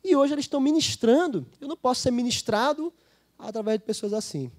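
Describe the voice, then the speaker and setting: A man's voice: very high voice, quick pace. A male Brazilian pastor preaching a sermon, telling stories in a conversational way and acting out dialogue. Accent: Brazilian Portuguese. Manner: storytelling, conversational with quoted dialogue.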